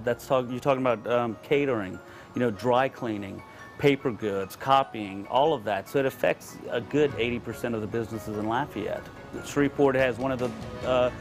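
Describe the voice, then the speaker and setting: A man's voice: medium pitch, brisk, over music. A man, a producer, speaking earnestly and persuasively in an interview.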